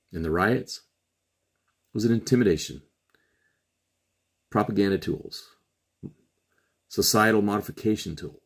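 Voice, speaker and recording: A middle-aged man hosting a solo commentary show, urging listeners earnestly with slow, emphatic pauses. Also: low voice, darkish tone. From Trinidad and Tobago. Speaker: podcast host.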